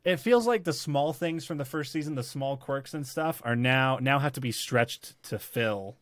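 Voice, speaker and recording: A man's voice: medium pitch, normal speed, no room sound, studio quality. A man hosting a podcast, talking casually and rambling with lots of fillers and restarts. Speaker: podcast host. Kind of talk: casual chat about a TV series.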